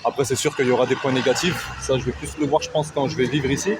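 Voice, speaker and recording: A man from France and Canada with a medium-pitched voice gives an informal interview. He is hesitant yet opinionated as he talks. Clear outdoor city noise runs behind him. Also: steady tone, fast. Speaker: interviewee, anonymous expatriate client. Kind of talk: casual testimony.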